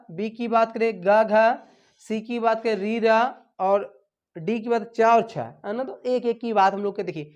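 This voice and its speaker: A woman's slightly high voice, recorded with the highs cut off, leads an exam-focused Hindi lesson. Asking "what?" and then repeating each answer as drill practice, she lets her voice fall quietly at the close of her phrases.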